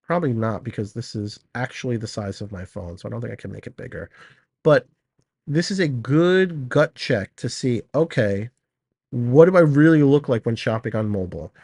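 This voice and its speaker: A man's voice: mid-range voice, animated, moderate pace, a little mellow, slightly rough, no room sound. Sick man hosting a product teardown. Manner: casual, chatty, addresses viewers directly. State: sick, slightly out of breath. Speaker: host. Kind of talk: screen-share product teardown.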